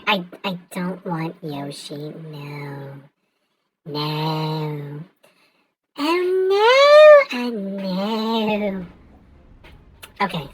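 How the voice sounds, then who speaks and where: A male streamer talking through a high-pitched chipmunk voice filter, giving playful live game commentary that exclaims and stammers. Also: fairly bright tone, full character voice.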